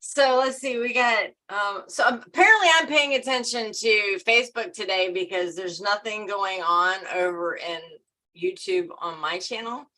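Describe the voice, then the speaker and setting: Bright-voiced chatty woman co-host. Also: medium pitch, moderate pace, low-quality recording. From Maryland, USA. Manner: laughs often, chatty with restarts. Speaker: co-host of a live stream. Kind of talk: casual live-stream chat.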